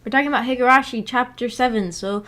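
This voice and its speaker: Speaking fast in a fairly bright, high-leaning voice, this book club host chats on her livestream. She reads viewer comments and responds in a giggly, hesitant, meandering manner.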